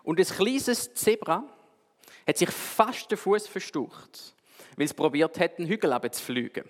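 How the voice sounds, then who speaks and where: A preacher who speaks in a lively, animated storytelling manner, his pitch swinging widely. His voice sits a little high for a man. It carries a long reverb from a large hall. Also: moderate pace. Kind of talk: sermon with a told story.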